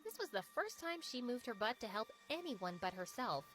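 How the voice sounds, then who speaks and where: A woman's voice: a little high, normal speed. Young woman narrating her story, chatty and gossipy, voice bouncing all over, faint music behind. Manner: animated and gossipy. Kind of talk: scripted first-person story narration.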